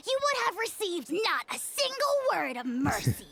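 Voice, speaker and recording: A woman's voice: very high voice, sing-song, normal speed, crowd noise, heavily acted. A woman voicing a pompous tiny male dragon lord in a video game, grandiose and imperious with cackling laughs. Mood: indignant. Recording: game audio with loud music.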